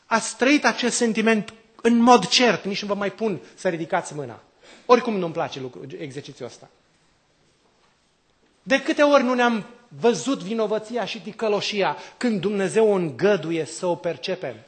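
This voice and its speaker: High-voiced male preacher asking rhetorical questions. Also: expressive. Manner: swings between loud exclamations and quiet drops. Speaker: priest. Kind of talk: sermon.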